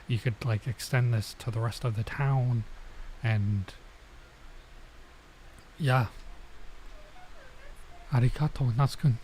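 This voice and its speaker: Playing a visual novel for a casual let's play, a man reads the text out and comments as he goes, faltering on foreign words. His medium-pitched voice has a darkish tone, and the rough recording carries a little hiss or hum.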